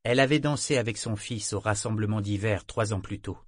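A man reading a novel as an audiobook narrator in a measured, even manner. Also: fairly low pitch, dry recording, studio quality. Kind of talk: scripted narration.

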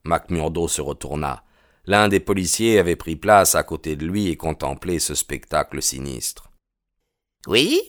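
A man narrates a novel in a measured, even way. His voice is very deep and low. The recording is dry and close, with no room sound. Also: no echo. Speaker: audiobook narrator. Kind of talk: scripted narration.

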